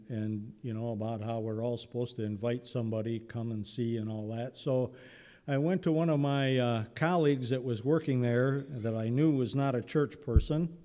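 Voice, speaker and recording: A man's voice: medium pitch, warm tone. A male pastor preaching a sermon in a church, telling Bible stories in a conversational, humorous way. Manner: conversational, humorous storytelling with acted-out voices. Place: church sanctuary. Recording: long church reverb.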